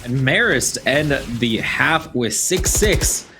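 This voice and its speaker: A man calling live play-by-play of an esports match in halting bursts, repeating phrases as the action unfolds. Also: medium pitch, expressive, bright, forceful tone, a little hiss or hum. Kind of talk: live play-by-play game commentary.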